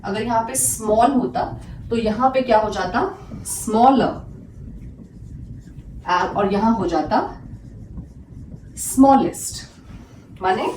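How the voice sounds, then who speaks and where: A woman with a slightly high, somewhat mellow voice, carrying a faint hiss or hum, patiently teaches grammar, posing and answering her own questions and repeating examples. It sounds like a classroom lesson, recorded from a distance in an echoey room with faint music.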